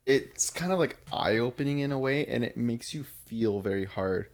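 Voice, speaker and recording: A man with a mid-range voice co-hosting an easygoing review chat. He speaks in a relaxed way, often pausing to hunt for the right word. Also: mid-range voice. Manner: relaxed, searching for words. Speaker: podcast co-host. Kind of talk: casual film review chat.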